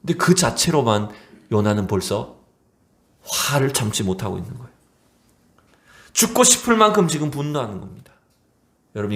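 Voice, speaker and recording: A male pastor preaching a sermon, often asking the congregation questions and acting out quotes. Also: on the low side.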